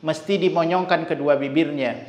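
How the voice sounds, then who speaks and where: A man teaching tajweed, slowly demonstrating Arabic sounds and repeating syllables for students. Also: fairly high pitch, steady tone, a little mellow. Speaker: Quran recitation teacher. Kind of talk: tajweed lesson with recited examples. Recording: echoey room with long reverb.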